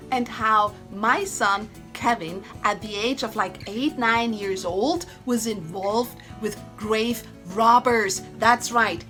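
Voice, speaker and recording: A woman's voice: on the high side, fairly bright tone. A middle-aged woman from Switzerland with a Swiss accent, chatting to viewers as she tells stories about her life. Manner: outgoing, chatty, addresses viewers as guys. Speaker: vlogger. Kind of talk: personal storytelling to camera.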